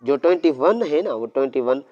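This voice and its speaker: A man's voice: medium pitch, expressive, brisk, warm tone. A man teaching a lesson with speech, explaining step by step and answering his own questions. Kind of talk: classroom lesson. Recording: dull lo-fi audio.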